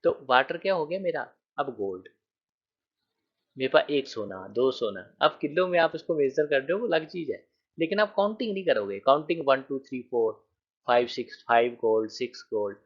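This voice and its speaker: A man's voice: mid-range voice, expressive, normal speed, lo-fi sound. A man teaching a grammar lecture, explaining with counted examples and often checking that students follow.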